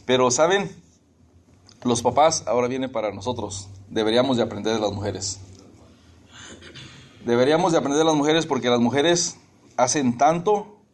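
A male preacher delivers a sermon in a relaxed, conversational way. He teases the congregation and keeps asking them questions, in a voice of ordinary middle pitch.

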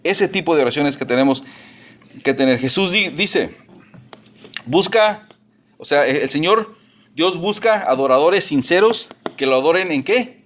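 A man's voice: a little high, lively intonation, a little slow, pauses often, a bit bright. A man preaching a sermon to his congregation in a folksy, repetitive way, with restarts and an uneven pace. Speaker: pastor.

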